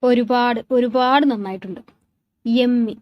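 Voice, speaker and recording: A woman's voice: fairly high pitch, fairly even intonation, a little slow, dull audio, natural voice. A woman voicing an affectionate young man who teases and then turns serious and protective, read as part of a narrated love story. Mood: teasing.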